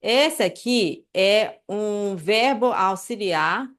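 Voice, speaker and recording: A woman teaching a casual live online class, chatty and animated, checking in with listeners often. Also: medium pitch, drawn-out words. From Brazil. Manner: chatty, many fillers like "né" and "tá", animated asides. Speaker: Japanese language teacher.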